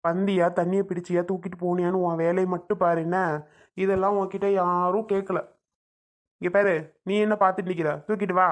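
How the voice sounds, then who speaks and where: A woman's voice: lowish voice, level tone, fairly quick, close to an everyday voice. A woman playing a bossy scolding village husband. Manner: harsh, domineering scolding. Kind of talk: homemade village comedy skit.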